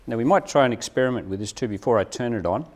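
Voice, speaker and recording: A man's voice: medium pitch, fast talker. Chatty man demonstrating gear. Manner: chatty, keeps checking in with "right?". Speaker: presenter at a teacher training session. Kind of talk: live demonstration talk. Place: meeting room with a live audience. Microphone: lapel mic, later a room camera mic from afar. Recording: distant room mic at times.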